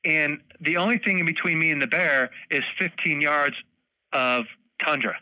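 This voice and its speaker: Bright-voiced man telling a lively story. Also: on the high side, moderate pace, dry recording, poor audio. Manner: animated, laughs often, acts out moments. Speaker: podcast guest, bowhunter. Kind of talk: casual storytelling.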